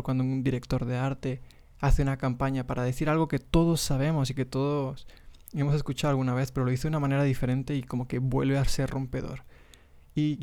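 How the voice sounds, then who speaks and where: A young man from Monterrey, Mexico, who speaks with a Spain Spanish accent, hosts his own podcast in a casual, hesitant monologue full of fillers and restarts. His voice is mid-range and dark, and he records on a podcast microphone.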